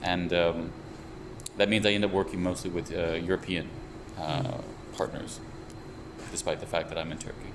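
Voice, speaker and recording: Explaining his ideas in an interview, a young VR researcher and developer from the United States proceeds slowly and deliberately, frequently starting phrases over. His delivery is flat and very low-pitched, over a constant air conditioning hum.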